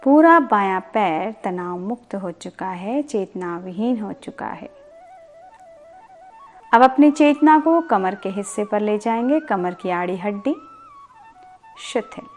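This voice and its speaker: In a mid-range voice over soft background music, a woman guides a sleep meditation. She's a yoga instructor, and her pacing is deliberate and soothing, with calm pauses and repeated words.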